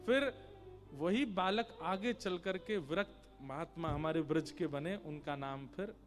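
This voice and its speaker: High-voiced animated male storyteller. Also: unhurried, soft background music. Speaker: devotional storyteller. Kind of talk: devotional story sermon.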